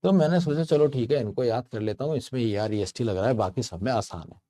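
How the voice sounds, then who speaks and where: A man with a dark-toned, medium-pitched voice talks a little fast as he teaches English grammar to learners. His style is chatty and story-like, with words playfully stretched out to underline his points.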